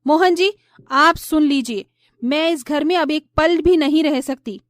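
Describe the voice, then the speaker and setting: A woman voicing a scheming, spoiled young sister-in-law in a cartoon story, shrill and theatrical. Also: measured pace, no room sound, studio quality. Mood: shrill outrage.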